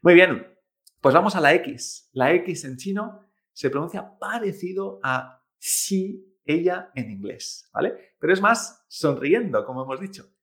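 A male Chinese teacher giving a pronunciation lesson, patiently modelling each sound slowly and repeating it, often tagging "¿eh?" and "¿vale?". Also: fairly high pitch, expressive, fairly bright tone. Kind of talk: language lesson.

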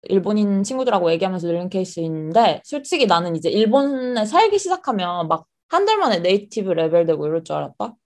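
A young woman from South Korea speaks as the guest in a casual interview. Her voice sits at a middle pitch. She explains her points reflectively, in a conversational way. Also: very animated, quick pace, hardly any pauses.

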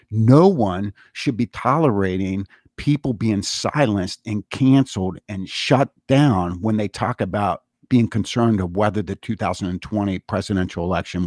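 A man's voice: fairly low pitch, a little mellow, no echo, studio quality. A man giving a solo political commentary monologue in an insistent, repetitive, speech-like manner.

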